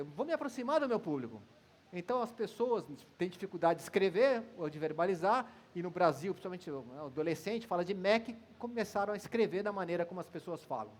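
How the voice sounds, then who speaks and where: A middle-aged Brazilian man giving an informal, lively marketing lecture, telling stories with examples. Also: high-pitched. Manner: conversational, lively storytelling with brand examples.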